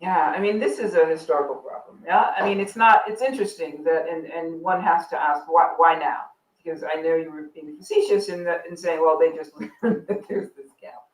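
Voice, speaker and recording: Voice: medium pitch, fairly quick, few pauses. A guest expert on a live discussion show, explaining in a wry way and checking in with frequent "right?" asides. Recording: roomy sound from a distance.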